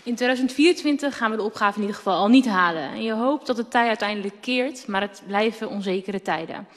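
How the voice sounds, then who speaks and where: A woman council member delivers an earnest debate speech at an ordinary pitch, stopping now and then to hesitate. Her voice rings with a long reverb from the council chamber. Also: fast talker.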